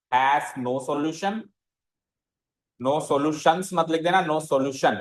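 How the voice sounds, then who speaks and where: A man's voice: on the high side, roomy sound, rough recording. A male maths teacher, lecturing a class step by step and often checking whether the students are following. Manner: explains step by step, keeps asking the class if they follow.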